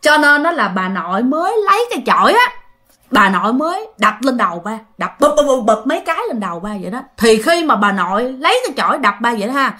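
A woman's voice: fairly high pitch, big pitch swings, fast, sharp tone. A woman telling a ghost story in a chatty way, talking directly to her listeners. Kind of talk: casual ghost-story narration.

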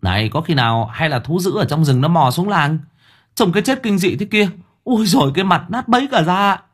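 A man's voice: sits high, expressive, fairly quick, husky, voice pushed up. A man voicing an agitated villager who exclaims in alarm. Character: frightened villager gasping at a mangled body.

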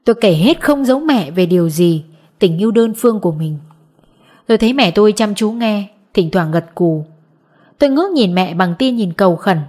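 A woman's voice: mid-range voice, expressive, moderate pace, darkish tone. A woman narrating a first-person audiobook story with emotional delivery.

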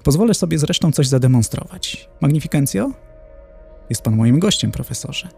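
A man's voice: fairly high pitch, expressive, moderate pace, vocal fry, mellow, husky, faint music behind, pitched above the performer's own voice, full character voice. A man playing a stern, indignant professor who tortures souls in hell, in a horror audiobook. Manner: indignant, severe.

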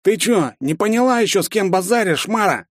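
A man's voice: sits high, animated, fairly quick, dry recording, studio quality, pitched above the performer's own voice. A man voicing a nasal, menacing red-haired young male street thug in an audiobook. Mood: mocking. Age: young adult. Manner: menacing, mocking. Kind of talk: audiobook character voice.

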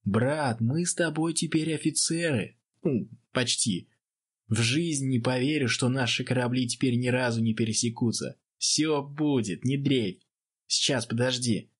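A man's voice: mid-range voice, measured pace, slightly rough. Gunter: a man doing a cheerful young naval officer. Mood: teasing.

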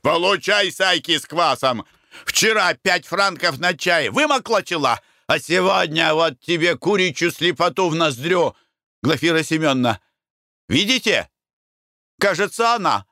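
A man puts on a boisterous, loud-mouthed merchant of the old days for this storybook reading, his voice pushed up high and bright as he hollers and curses. The sound is close and dry, with no room around it. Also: lively intonation, unhurried, creaky, no room sound, exaggerated voice. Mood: rowdy shouting. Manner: shouting, boisterous, cursing. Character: rowdy coarse middle-aged male merchant.

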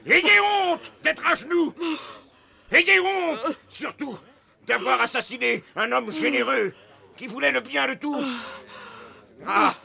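A grieving elder, gravelly voice, bright tone, lively pitch, hushed then shouting. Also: male voice, heavily acted. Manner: impassioned, shifting between bitter whispers and shouted rebukes. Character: grieving elder, friend of the slain brother. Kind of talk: classic stage drama.

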